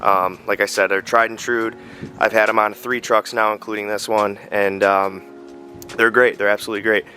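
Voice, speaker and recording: Twenties male host, lowish voice, slightly breathless outdoors in winter cold, easygoing chatty delivery. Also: moderate pace, faint music behind. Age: 20s. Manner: relaxed, filler-heavy, enthusiastic. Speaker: car channel host. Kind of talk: casual outdoor vlog. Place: outdoors in snow beside a truck.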